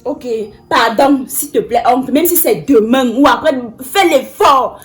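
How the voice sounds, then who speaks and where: A woman's voice: high-pitched, unhurried, faint music behind. An actress playing a tired woman pleading with her uncle, insistent and exasperated.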